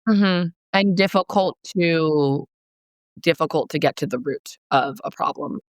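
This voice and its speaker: A woman's voice: sits low, a little slow, no room sound, clean studio sound. A woman in her twenties co-hosting a podcast, thinking aloud in long, winding, reflective sentences. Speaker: podcast co-host. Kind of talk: casual podcast chat.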